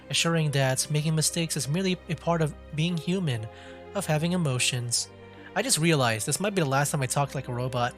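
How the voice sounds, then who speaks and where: Playing through a story game, a streamer gives relaxed commentary in a slightly high, somewhat bright voice. He's chatty, laughing often and peppering his talk with fillers.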